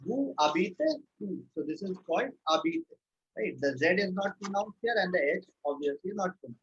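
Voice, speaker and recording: A man's voice: sits high, lively intonation, brisk, fairly bright tone. A young man with an Indian English accent teaching a live language lesson, patiently repeating words and checking in with "right?" and "okay". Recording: dull lo-fi stream audio with faint noise.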